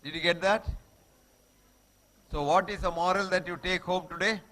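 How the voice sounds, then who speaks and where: A man with a high, sharp voice speaks at normal speed with fairly even intonation and a Telugu Indian accent. Addressing schoolchildren as a guest speaker, he motivates them emphatically, repeats short maxims and checks that they follow.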